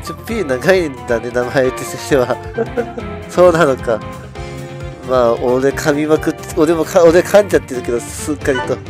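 A man hosting a let's-play, commenting excitedly and talking to himself as he plays. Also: mid-range voice, normal speed. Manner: excitable, talks to himself while playing. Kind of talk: game commentary. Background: loud game music.

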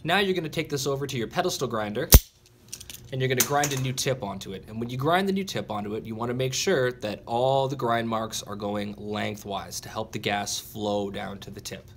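A man's voice: medium pitch, fairly quick, heavy background noise. A man teaching welding in a workshop, explaining each step plainly while he demonstrates. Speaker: welding instructor. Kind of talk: instructional demonstration.

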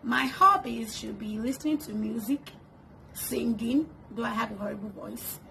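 A woman's voice: a little high, moderate pace, vocal fry, pushed and bright, slight background noise, poor audio. A woman in her twenties talking playfully to the camera in a get-to-know-me vlog, laughing often, recorded in her bedroom. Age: 20s. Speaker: YouTuber. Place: bedroom, indoors. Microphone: camera on a tripod in front.

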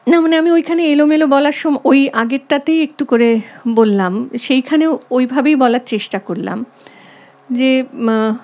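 A woman reciting poems slowly and expressively, with long pauses, then talking about how to recite them. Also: high voice, darkish tone. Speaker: guest reciter. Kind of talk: poetry recitation and chat. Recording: long hall reverb with music behind.

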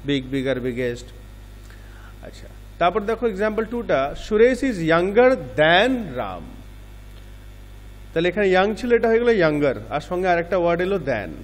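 In a large hall, a male English teacher with a Bengali accent gives a grammar lesson in a voice on the high side. He explains in Bengali while using English examples, posing questions and then answering them himself.

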